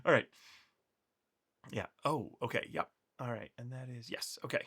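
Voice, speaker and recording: A man hosting a casual Bible study, reading scripture slowly and chatting about it with many restarts and asides. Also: mid-range voice, fairly bright tone, husky. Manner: chatty and self-interrupting, reads scripture slowly.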